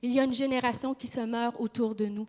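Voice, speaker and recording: A woman with a Québécois accent preaches with fire and emphasis, often putting questions to the congregation. Her voice sits high, and the sound rings with the long reverb of a large church hall. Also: fairly even intonation, quick pace, darkish tone. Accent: Québécois French. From Quebec. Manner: fiery, emphatic, questions the audience. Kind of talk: sermon.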